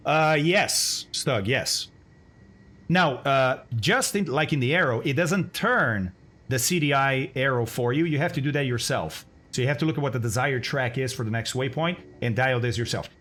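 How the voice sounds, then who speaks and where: A man's voice: mid-range voice, animated, normal speed, a bit bright. A man streaming a flight simulator, chatting casually with viewers, thinking aloud and laughing often. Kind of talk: casual live-stream chat.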